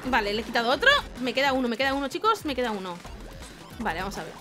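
A woman from giving excitable let's-play commentary, shrieking and laughing as she plays. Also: a little high, racing. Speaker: gaming YouTuber. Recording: game music loud under the voice. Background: game music.

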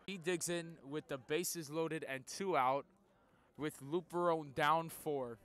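A man doing live play-by-play baseball commentary outdoors like a radio announcer, with drawn-out, emphatic calls. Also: a little high, a bit bright. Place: outdoors at a school baseball field.

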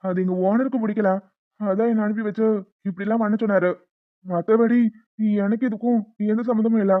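A man's voice: high-pitched, fairly even intonation, fairly quick, no echo, narrow, tinny audio, natural voice. A man playing a sly, cowardly middle-aged troublemaker who stammers and hesitates when he is caught. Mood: pleading.

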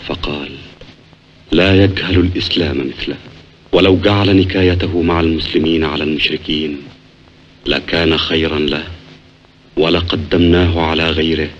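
Solemn epic-film man: bass-deep, reverent, measured, with clear soundtrack noise. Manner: slow, measured, reverent delivery. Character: solemn man reading a letter of religious exhortation. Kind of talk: classical Arabic film acting. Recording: muffled, noisy 1950s film soundtrack.

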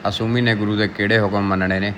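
A man's voice: lowish voice, level tone, quick pace, a bit bright, a little hiss or hum. A man with a Punjabi accent talking casually and playfully in a village vlog, teasing the people around him. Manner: playful, teasing with friends and children. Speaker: vlogger.

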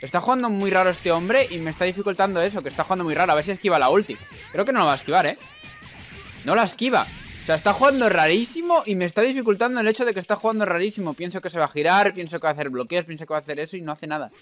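A man with a Spain Spanish accent giving excitable, teasing commentary over his own online fighting-game matches. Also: high-pitched, very fast, faint music behind. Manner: excitable, teasing, frequent "tío". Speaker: gaming YouTuber. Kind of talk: live gameplay commentary.

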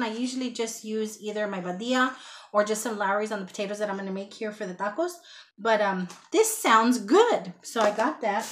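A woman's voice: on the high side, a little hiss or hum. A woman, chatting casually to a webcam at home as she shows her shopping haul, rambling with self-deprecating asides. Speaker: haul vlogger. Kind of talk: casual haul chat to camera. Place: small home room with shelves, indoors.

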